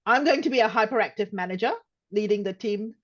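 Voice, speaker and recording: A woman's voice: mid-range voice, fast. Older woman hosting a webinar, dull audio. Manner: warm, careful, frequent um fillers. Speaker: webinar co-presenter. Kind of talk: webinar presentation. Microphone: video call.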